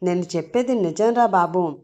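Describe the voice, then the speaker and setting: A woman's voice: fairly low pitch, moderate pace, mellow, natural voice. A playful older brother teases his friend with a laugh in his voice, as a woman narrator puts him on. The delivery stays light and mocking in this audio story reading. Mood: teasing. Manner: teasing, laughing. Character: young man, teasing laughing older brother.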